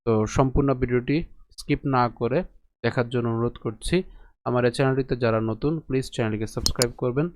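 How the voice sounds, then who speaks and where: A man teaching correct Sanskrit pronunciation of a scripture verse, asking and answering his own questions, chanting slowly syllable by syllable. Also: mid-range voice, fairly even intonation, a little mellow, slight background noise. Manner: explains and asks rhetorical questions. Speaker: Gita recitation teacher. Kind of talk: online pronunciation lesson.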